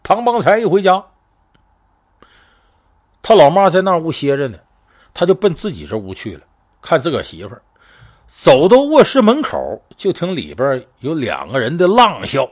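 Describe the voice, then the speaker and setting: Male storyteller, husky, animated delivery, slips into character voices. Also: a little high, moderate pace, pauses often. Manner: lively, conversational, acts out voices in the story. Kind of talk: casual spoken storytelling of a true crime case.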